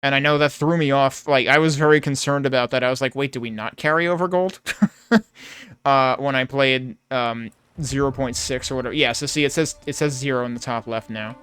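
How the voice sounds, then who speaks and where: A man's voice: mid-range voice, flat delivery, fairly quick, hardly any pauses, fairly bright tone, clean tone, no room sound. A man giving casual gameplay commentary, thinking aloud in a critical, analytical way. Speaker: video game player and commentator. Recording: game music behind the voice.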